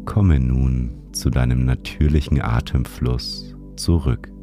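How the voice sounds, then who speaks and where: Male sleep story narrator, extremely deep voice, slow pace, gentle, soothing meditation guidance. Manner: gentle, soothing, unhurried guiding. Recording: music behind the voice. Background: music.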